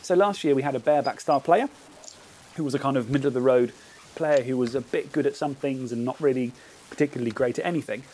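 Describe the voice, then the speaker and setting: A man hosting a casual podcast, chatting in an animated way and explaining things at length. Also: mid-range voice, fast talker, a little hiss or hum, low-quality recording. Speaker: podcast host.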